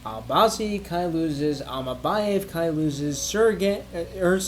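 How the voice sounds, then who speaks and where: A man giving a casual, off-the-cuff sports rant, rambling and thinking aloud in halting bursts as if he has had a few drinks. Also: on the high side, lively intonation. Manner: drinking while ranting, tipsy rambling. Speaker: MMA commentator giving opinions.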